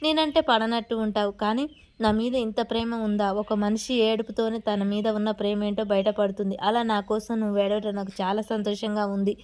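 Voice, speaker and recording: A woman's voice: medium pitch, fairly even intonation, moderate pace, darkish tone, close to an everyday voice. A woman voicing a young wife who teases and scolds her husband, in a retold TV serial scene. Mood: tender. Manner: teasing, scolding.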